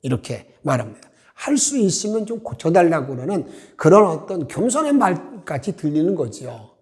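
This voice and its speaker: Guy pastor preaching earnestly to a small group, kinda high voice, keeps asking questions. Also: very animated, normal speed, darkish tone. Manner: earnest, explanatory, asks the listeners questions. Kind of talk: sermon at a small cell group service.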